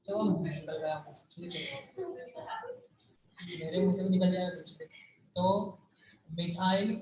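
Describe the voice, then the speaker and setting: A man's voice: high voice, fairly even intonation, measured pace. A man teaching a chemistry class, quizzing his students and repeating answers, sometimes scolding them. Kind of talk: classroom lecture. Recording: far, echoey, phone-like room recording.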